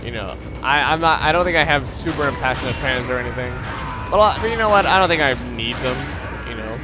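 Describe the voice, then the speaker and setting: With loud video game music and sounds behind him, a gaming creator rambles through casual let's play commentary and makes fun of himself. His mid-range voice is animated and a little fast.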